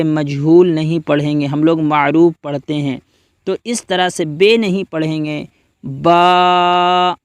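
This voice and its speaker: A man leads a step-by-step reading lesson and spells out each letter slowly so learners can repeat it. His voice is high and smooth. The recording is close and dry, with no room sound. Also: no room sound. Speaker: Quran reading teacher.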